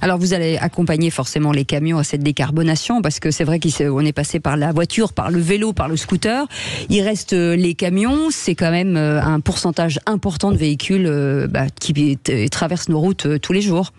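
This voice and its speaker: A man's voice: on the high side, moderate pace, a little mellow, no room sound. A man hosting a radio talk show, introducing guests and asking questions with frequent fillers and stumbles. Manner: friendly, stumbling, many fillers. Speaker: radio host.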